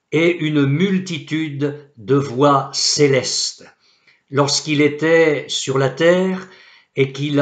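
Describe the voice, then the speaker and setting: A male pastor delivers a sermon in a measured, unhurried cadence with a fairly high voice. He reads scripture solemnly and with great deliberation. The recording carries a noticeable room echo. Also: lo-fi sound. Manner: slow, deliberate preaching with solemn Bible quotations.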